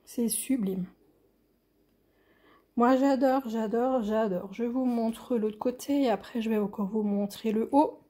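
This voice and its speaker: A woman's voice: fairly high pitch, normal speed, hardly any pauses, dark tone. A French-accented woman chatting casually as she unboxes a craft kit, enthusiastic and often dropping to a near whisper. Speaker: craft vlogger.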